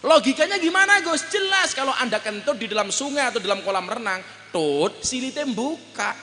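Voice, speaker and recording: A man preaching a comedic sermon, jokey and animated, shouting punchlines and making sound effects. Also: very high voice, normal speed, a little hiss or hum. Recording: long hall reverb.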